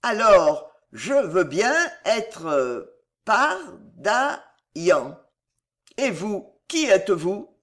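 A reader voicing a grown man driven mad, childlike and terrified, in an audiobook, with high, loud, frantic outbursts. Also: sing-song, drawn-out words, exaggerated voice. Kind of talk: audiobook reading.

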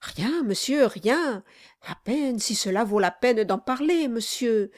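A woman's voice: fairly high pitch, expressive, takes it slowly, darkish tone. A woman voicing an obsequious, nervous male lawyer who speaks hesitantly and deferentially in an audiobook. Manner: fawning, hesitant, deferential "monsieur".

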